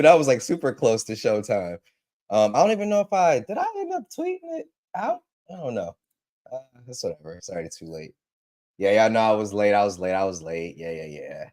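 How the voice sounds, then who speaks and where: A man with a lowish, darkish voice hosts an informal tech livestream. Slightly congested from allergies, he greets his viewers by name and often says things twice.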